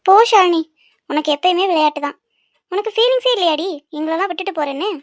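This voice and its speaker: A woman doing a sad, very high-voiced cartoon mother. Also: fast talker, no echo, studio quality. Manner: sorrowful, reproachful. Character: sad, loving middle-aged mother. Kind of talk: cartoon voice acting.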